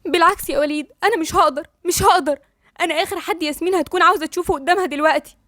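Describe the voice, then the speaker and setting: A distraught young woman pleads in an Egyptian Arabic accent, as a woman reads her in a storybook recording. The voice is high and very fast. The sound is dry and close. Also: fairly bright tone, no room sound. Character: anxious tearful young woman doctor.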